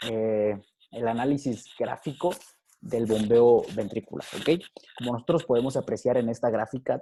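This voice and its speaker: A man giving a recorded physiology lecture over slides, halting, with many fillers and tag questions. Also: mid-range voice, dark tone, husky.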